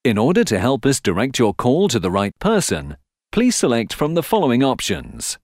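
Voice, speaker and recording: A man voicing scripted phone-system prompts in a measured, polite, evenly enunciated way. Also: mid-range voice, huge pitch swings, dry recording, clean studio sound. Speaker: voice-over artist.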